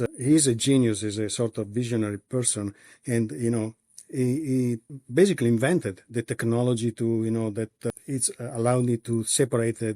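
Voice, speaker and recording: An Italian man with an Italian accent answers interview questions as a company executive, halting often with pauses and restarts. His voice is mid-range and dark in tone, captured in a dry, clean studio recording.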